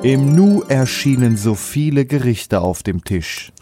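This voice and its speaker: A man narrating a comic fairy tale in calm scripted storytelling. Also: medium pitch, a little slow, over loud music.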